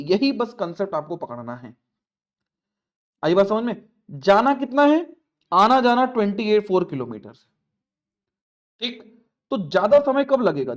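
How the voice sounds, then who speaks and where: Male maths teacher, high voice, coaxing, asks questions, dull lo-fi sound. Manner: coaxing, asks students questions, repeats points. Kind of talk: classroom lesson explanation.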